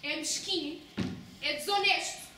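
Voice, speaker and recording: A woman's voice: extremely high pitch, unhurried. A woman with a European Portuguese accent acting a quarrelsome, proud young landowner's daughter in an amateur stage play. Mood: defiant. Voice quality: sharp, contrary. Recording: echoey hall from far off, noisy.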